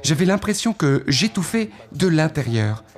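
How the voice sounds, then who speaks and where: A man gives an earnest first-person testimony, telling his story with dramatic pauses as he recounts what he thought and felt. His voice is a little high and very animated.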